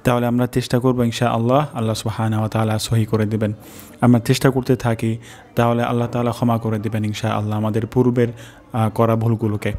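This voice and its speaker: Flat-voiced man teaching slow recitation. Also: mid-range voice. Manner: slow, drawn-out demonstration of each syllable. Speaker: teacher of prayer pronunciation. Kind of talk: recitation lesson.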